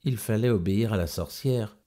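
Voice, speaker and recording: A man narrating a fairy tale as a storyteller, with expressive, sweeping intonation. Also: lowish voice, normal speed.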